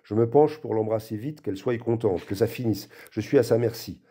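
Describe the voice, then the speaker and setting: A man giving an expressive literary reading aloud and acting out the quoted lines. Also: on the low side, a little fast, breathy edge. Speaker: reader.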